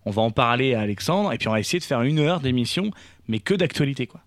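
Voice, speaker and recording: A man hosting a casual radio chat, rambling through a story with lots of hesitations and false starts. His voice is mid-pitched and sits close to a dry studio mic. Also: lively intonation, fast talker, no echo. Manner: rambling storyteller, many fillers and restarts. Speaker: radio show host and singer.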